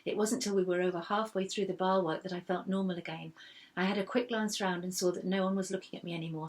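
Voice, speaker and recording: A woman reading a first-person children's story aloud in a steady, expressive way. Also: on the low side. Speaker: reader.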